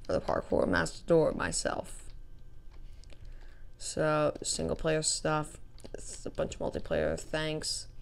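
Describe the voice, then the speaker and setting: Woman doing casual game commentary, lowish creaky voice, talks like her mouth is full, rambly and self-deprecating. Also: monotone, slow pace, long pauses. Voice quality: mouth-full, slightly slurred articulation. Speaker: gaming video host. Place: indoors, voice-over at a computer.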